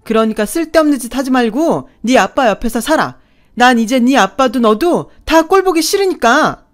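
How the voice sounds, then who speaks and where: A woman voicing a harsh stepmother who coldly scolds and shouts. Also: fairly high pitch, very animated, moderate pace. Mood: cold, yelling. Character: harsh stepmother, cold and angry.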